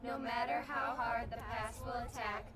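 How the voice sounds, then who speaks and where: A woman's voice: fairly high pitch, level tone, moderate pace, close to an everyday voice. A woman playing a grand storyteller, narrating a hero tale in theatrical rhyme. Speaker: play narrator. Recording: loud crowd noise behind.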